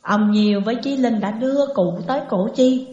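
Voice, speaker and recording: A woman narrates a story in a fairly high voice, moving steadily through the text. The recording sounds dull and muffled, set in a roomy space with a long hall reverb. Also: moderate pace, dark tone. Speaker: audiobook narrator. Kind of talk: scripted narration.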